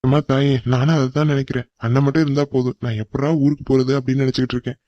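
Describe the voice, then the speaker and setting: A man voicing a teasing older brother in a cartoon family, calm and brotherly with the youngest sibling. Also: mid-range voice, rapid-fire, no echo, highs cut off, close to an everyday voice. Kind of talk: cartoon voice acting.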